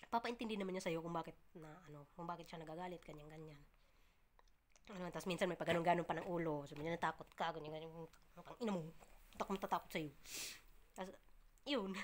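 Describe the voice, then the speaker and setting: Chatty Filipina vlogger with a cough. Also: female voice, mid-range voice. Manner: chatty, many fillers and restarts, laughs often. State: coughing, clearing throat. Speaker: vlogger, domestic worker abroad. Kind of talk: casual storytelling to viewers.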